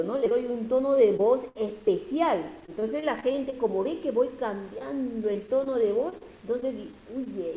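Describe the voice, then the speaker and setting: Peruvian teacher explaining in an echoey room. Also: female voice, fairly high pitch, warm tone. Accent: Peruvian Spanish. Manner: explanatory, many fillers and tag questions. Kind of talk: online class lecture. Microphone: video call.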